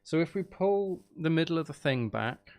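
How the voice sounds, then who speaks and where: Here a man's fairly high, animated voice moves at a normal pace. Streaming a game casually, he ponders and questions himself aloud while tackling a build, chatting with his audience in a musing, half-to-himself way.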